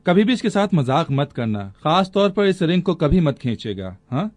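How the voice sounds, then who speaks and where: A man plays a patient squad leader explaining to his men in a dubbed film. His voice is a bit high and lively in pitch, recorded dry and close. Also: normal speed, dry recording. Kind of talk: Urdu dub acting.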